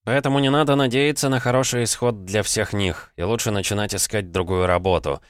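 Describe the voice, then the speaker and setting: A man narrating a first-person audiobook in a wry, conversational, even manner. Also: fairly low pitch, brisk, no echo, studio quality.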